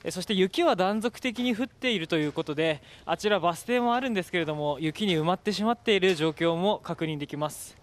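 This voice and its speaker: A man working as a field reporter, giving a measured, explanatory live weather report. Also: sits high.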